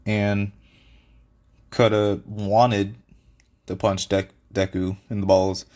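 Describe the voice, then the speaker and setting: A low-pitched man makes up a fan story as he goes, rambling and stopping to rethink. He talks slowly, with lots of fillers and restarts, and laughs lightly at his own jokes. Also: little pitch movement, a little mellow. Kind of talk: casual improvised narration.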